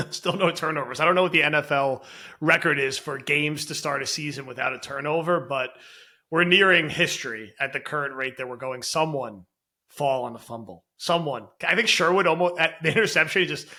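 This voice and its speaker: Male podcast co-host, bright tense tone, animated fan chatter. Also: fairly high pitch, normal speed. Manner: animated, exasperated fan talk. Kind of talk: casual sports podcast chat.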